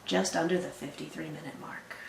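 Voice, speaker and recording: A woman co-hosting a reaction show, chatting casually and thinking out loud with quick asides. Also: deep voice, steady tone, gravelly, reverberant, a little hiss or hum. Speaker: reaction channel co-host. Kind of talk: casual chat.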